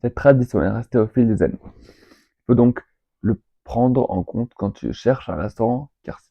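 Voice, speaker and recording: A man's voice: mid-range voice, unhurried, vocal fry. Chatty young-sounding French vlogger man. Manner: chatty, rambling with fillers and asides. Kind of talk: casual vlog, reading tips aloud. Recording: dull lo-fi home recording.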